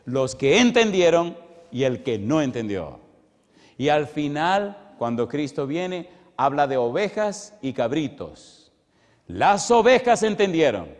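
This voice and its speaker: Man preaching with rapid-fire questions. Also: mid-range voice. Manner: animated, keeps asking the congregation questions. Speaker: pastor. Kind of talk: sermon. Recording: long reverb in a large hall.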